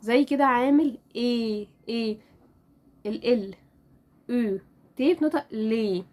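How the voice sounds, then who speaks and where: Egyptian woman teaching slow pronunciation drills. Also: on the high side, a little mellow. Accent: Egyptian Arabic. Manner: drills words slowly, repeating each one. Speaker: French teacher. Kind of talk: casual lesson explaining pronunciation.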